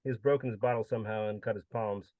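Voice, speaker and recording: A man giving a measured, solemn reading of his own literary prose. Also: on the low side, fairly even intonation, no room sound, narrow, tinny audio. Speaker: contributor reading his story.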